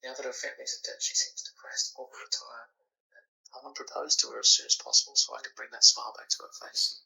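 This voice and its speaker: An actor playing an earnest young suitor in a romantic melodrama. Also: male voice, medium pitch, quick pace, vocal fry, sharp tone, low-quality recording. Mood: earnest, hushed. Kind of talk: melodramatic screen drama acting.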